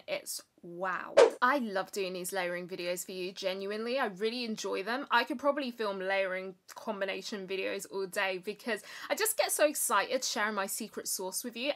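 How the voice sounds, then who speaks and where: A woman's voice: mid-range voice, bright, forceful tone. A young adult woman, chatting playfully to camera about perfume, with dramatic asides and sudden whispers. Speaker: perfume vlogger. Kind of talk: casual chatty review to camera.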